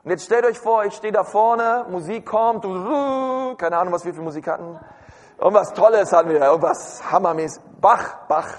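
A man preaching a lively sermon, talking straight to his congregation and often calling out to them. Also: high-pitched, a little fast, big-room sound. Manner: lively, direct, addresses the audience with "hey". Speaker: pastor. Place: church hall.

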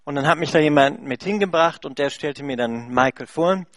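A man's voice: fairly high pitch, normal speed, no room sound. Chatty German man in a dry sound. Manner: lively, chatty storytelling with many fillers. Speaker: charity head and interpreter. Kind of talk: speaking to a church congregation.

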